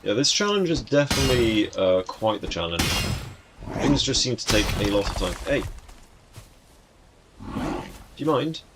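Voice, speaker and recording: A man streaming a game, a little hoarse as he loses his voice, rambling casually and teasing the creatures on screen. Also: fairly low pitch, sing-song, fairly quick, very noisy. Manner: rambling, muttering to himself, teasing the game's creatures. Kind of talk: casual gameplay commentary. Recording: music in the background.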